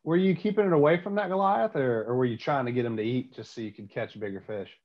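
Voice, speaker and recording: Young male co-host, mid-pitched, hesitant with lots of ums, on muffled video call audio. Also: fast. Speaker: podcast co-host. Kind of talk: casual chat.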